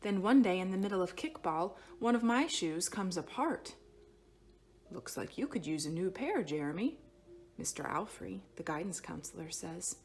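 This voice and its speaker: Reading a children's picture book aloud, a woman with a lowish voice performs expressively. Her phrasing is dramatic, drawing out some words and hushing others.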